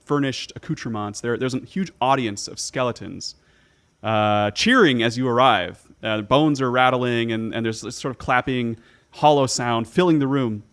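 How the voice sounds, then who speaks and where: A man's voice: mid-range voice, normal speed, fairly bright tone. Male game master, mid-range voice, descriptive and improvised tabletop narration. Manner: descriptive, searching for words as he goes.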